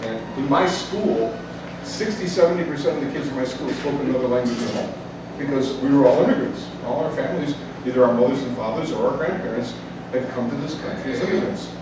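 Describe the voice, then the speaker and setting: A man in his sixties from Chicago's South Side tells a story live in an echoey cafe, adding folksy, humorous asides. His voice is medium-pitched and brisk. The mic sits at a distance, picking up background noise, room ambience and chatter.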